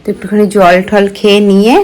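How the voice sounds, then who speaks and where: A woman's voice: mid-range voice, level tone, fast, darkish tone, a little hiss or hum, poor audio. A woman, talking casually through her daily routine in a home vlog. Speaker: vlogger.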